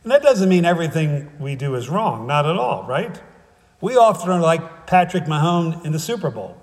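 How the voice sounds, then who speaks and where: A man's voice: fairly high pitch, sing-song, moderate pace, darkish tone, long reverb tail. A man preaching a sermon in a casual, conversational way, with wry humor, often checking in with "right?" and "okay?".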